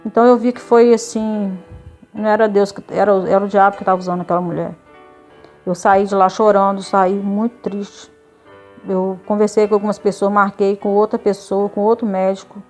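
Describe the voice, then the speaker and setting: A woman tells her faith testimony with emotion, acting out the other people in her story as she goes. Her pitch sits in a middle range. Soft music plays faintly behind her. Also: level tone, moderate pace. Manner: emotional storytelling, retelling dialogue with quoted voices. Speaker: church member giving testimony. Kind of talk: religious testimony.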